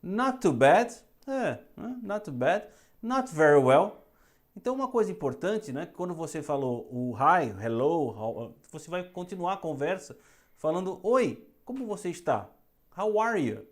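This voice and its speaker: A woman with a Brazilian accent teaching English phrases in a lesson, saying each one slowly so students can repeat it. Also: lowish voice, big pitch swings.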